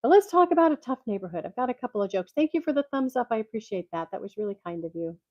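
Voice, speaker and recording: Very fast and sing-song in a slightly high voice, an older woman vlogger rambles and laughs frequently as she reads jokes in a casual chat at home. The mic clipped to her glasses makes for a dull, tinny, dry lo-fi recording with no room sound, and she sounds congested, tin-can-like.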